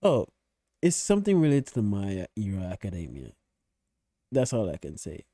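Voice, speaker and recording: A man's voice: fairly low pitch, huge pitch swings, normal speed, dark tone, dry recording, clean studio sound. A man giving casual reaction commentary in a blunt, opinionated way, swearing freely. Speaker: reaction video host.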